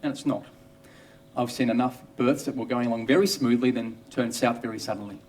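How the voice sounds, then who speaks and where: A man's voice: medium pitch, steady tone, fairly quick, a little mellow, recorded from a distance, slight background noise. An Australian man, an obstetrician, telling a first-person story with wry, dry humour.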